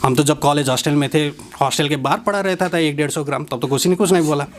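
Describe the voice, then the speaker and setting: A man's voice: a little high, quick pace, voice pushed down, lightly acted. A man voicing an eager young male TV reporter who keeps addressing his boss as sir. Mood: eager, deferential. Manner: eager and deferential, says "sir" a lot.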